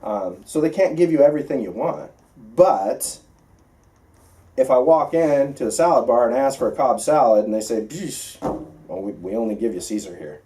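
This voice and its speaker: An American man who works as a flight instructor teaches pilots in an informal classroom lecture, his medium-pitched, mellow voice animated and moderately paced. He makes emphatic points and often checks in with questions, captured by a distant mic.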